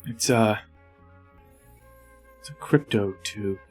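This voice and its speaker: A man with a lowish, slow, darkish, husky voice plays a tabletop game, casually talking through his character's moves in a conversational way. Music plays in the background of the recording.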